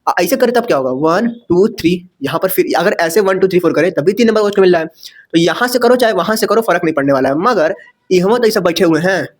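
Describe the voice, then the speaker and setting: This male teacher has a high, expressive voice and speaks quickly in a casual chalkboard lecture. He's chatty, fires rhetorical questions at his students, and corrects himself while writing.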